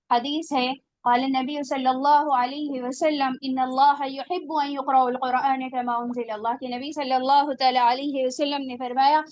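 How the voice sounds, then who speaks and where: A woman's voice: high-pitched, highs cut off. A woman teaching a religious class on Quran recitation, earnest and exhorting her students.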